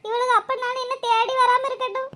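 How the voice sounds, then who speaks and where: A woman doing a squeaky tearful young village mother. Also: flat delivery, quick pace, pushed and bright. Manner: pleading, self-blaming.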